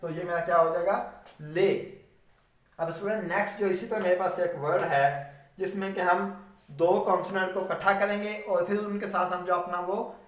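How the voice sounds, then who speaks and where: A man's voice: high voice, steady tone, moderate pace, a bit bright. A man giving a shorthand lecture, explaining patiently and repeating checks with students as he spells out words letter by letter. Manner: patient, repetitive explaining, frequent "theek hai" checks. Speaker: shorthand teacher. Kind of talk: classroom lecture. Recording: very echoey room, voice from a distance.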